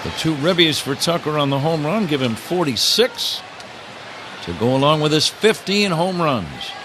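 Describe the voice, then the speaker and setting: This American play-by-play man describes a baseball game live for radio from a ballpark booth, his voice on the high side and expressive, moving at a moderate pace. Outdoor stadium sounds come through clearly in the noisy broadcast.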